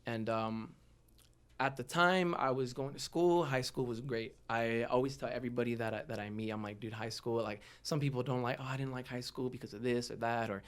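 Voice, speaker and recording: Here a young adult man with a Southern California accent speaks fairly quickly, his medium-pitched voice steady, clear, and resonant. A podcast guest from the LA area, he tells his own story in an open, informal, slang-filled interview style.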